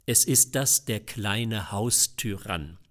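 A man voicing a calm tour guide who explains his exhibits like a showman. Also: on the low side, slow. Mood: explaining.

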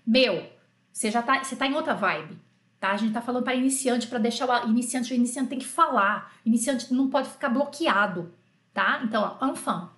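A woman's voice: on the high side, fairly quick, a bit bright, roomy sound. A woman with a Brazilian Portuguese accent teaching a live French lesson, chatty and joking, talking straight to her learners. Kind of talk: live online language lesson.

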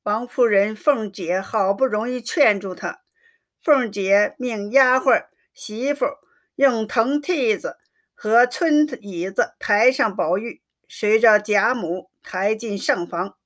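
A woman narrating a classic novel in a slow, measured storytelling reading. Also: mid-range voice.

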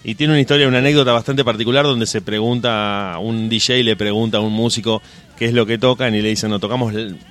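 A man's voice: fairly low pitch, steady tone, fast, fairly bright tone. A man hosting a radio show, speaking in long, flowing, friendly sentences as he wraps up an interview. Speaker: radio host.

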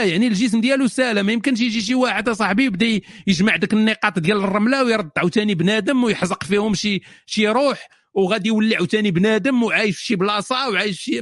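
A man's voice: high-pitched, no room sound, studio quality. A man with a Moroccan accent hosting a solo question-and-answer show, delivering a sarcastic, mocking monologue. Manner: sarcastic, mocking, rapid-fire. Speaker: host answering viewer questions.

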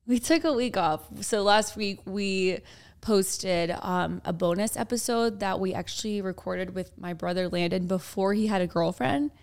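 A young woman with a raspy, gravelly voice co-hosts a podcast, chatting casually in a playful, animated, teasing way. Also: medium pitch, measured pace. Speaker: podcast co-host.

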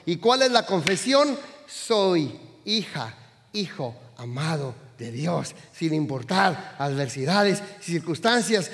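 A pastor in his sixties preaching a sermon, with animated shifts between loud calls to the congregation and quiet asides. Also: high voice. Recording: long hall reverb.

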